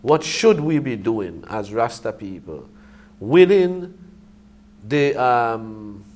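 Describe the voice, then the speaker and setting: A middle-aged man reasoning casually in Rasta speech, emphatic and halting, often posing rhetorical questions. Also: mid-range voice, sing-song, a little mellow.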